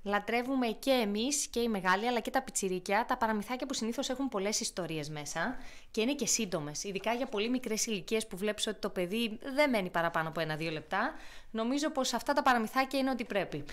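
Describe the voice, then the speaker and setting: A woman's voice: fairly high pitch, expressive. A woman storyteller reading a children's fairy tale aloud, addressing her listeners affectionately. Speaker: storyteller and radio producer.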